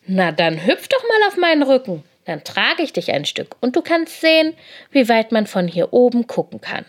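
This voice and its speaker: A woman voicing a kind, gentle male pony in a children's storybook, reassuring and caring. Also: fairly high pitch, big pitch swings, normal speed, pitched above the performer's own voice. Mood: friendly. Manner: warm, reassuring.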